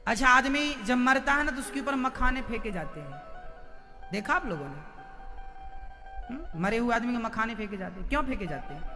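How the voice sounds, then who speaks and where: A man's voice: very high-pitched, lively intonation, brisk, long pauses, pushed and bright. A man giving a devotional sermon, telling stories and firing rhetorical questions at the listeners. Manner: storytelling, rhetorical questions to the crowd. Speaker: spiritual preacher. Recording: long hall reverb with faint music.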